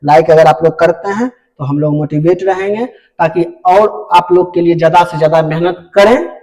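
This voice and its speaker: High-voiced man teaching grammar. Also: normal speed, darkish tone, poor audio. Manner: explains step by step, often checks with "ठीक है" and asks then answers his own questions. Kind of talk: classroom lesson.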